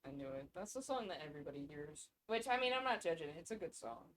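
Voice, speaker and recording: A woman co-hosting a casual podcast, rambling and excitable, swearing freely. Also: deep voice, quick pace. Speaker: podcast co-host. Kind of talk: casual chat.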